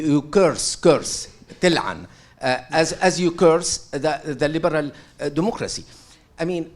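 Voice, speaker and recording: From the floor, an earnest middle-aged audience member from Syria stumbles through a question, restarting often and leaning on fillers. His voice is a little high.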